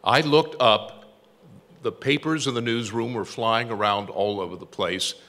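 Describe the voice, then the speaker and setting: A man's voice: mid-range voice, measured pace, fairly bright tone. Older man telling stories in an echoey hall. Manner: storytelling, self-deprecating humor. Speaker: tribute speaker, former newsroom copy boy. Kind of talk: anecdotal tribute speech. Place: event hall. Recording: echoey hall with long reverb.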